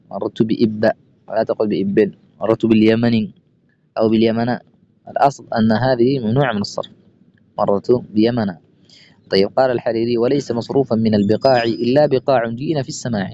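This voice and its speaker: A man teaching a grammar lesson, asking himself quick rhetorical questions and quoting verse. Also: mid-range voice, mellow. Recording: dull lo-fi recording with faint noise.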